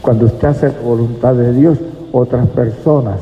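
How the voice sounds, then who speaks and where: A man's voice: medium pitch, fairly even intonation, moderate pace, faint music behind. A man preaching a sermon in a church, emphatic and speaking to the congregation as brothers. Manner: emphatic, addresses listeners as brothers. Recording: echoey hall, dull lo-fi sound.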